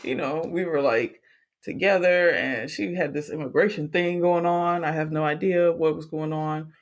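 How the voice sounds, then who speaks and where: A podcast co-host with a voice on the high side tells a story at normal speed in casual chat. He's animated and profane, swearing a lot and laughing through his stories.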